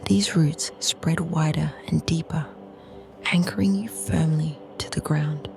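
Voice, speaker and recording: A woman leads a calm grounding meditation as a guide, speaking slowly and soothingly in short, measured phrases with a soft, breathy, half-whispered voice. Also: low-pitched, music in the background.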